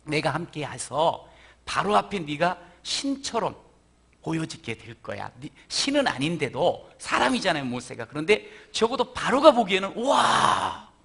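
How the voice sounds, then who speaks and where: A middle-aged man preaches a sermon in a church sanctuary. His voice sits high and bright, with a husky, gravelly grain. He drops to a hushed, tender tone, then climbs back to emphatic, forceful preaching. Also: big pitch swings, normal speed. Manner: swings from soft, hushed voicing of God's gentle words to loud, emphatic preaching. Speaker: pastor.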